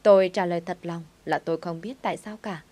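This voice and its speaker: A woman's voice: lowish voice, steady tone, quick pace, dark tone. Woman reading a first-person story.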